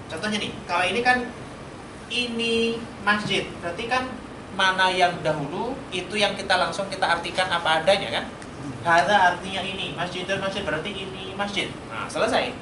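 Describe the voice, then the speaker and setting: Leading a call-and-response Arabic class in a mosque study room, a man questions his students in a high-pitched, steady voice at moderate speed. The hall sounds roomy and noisy.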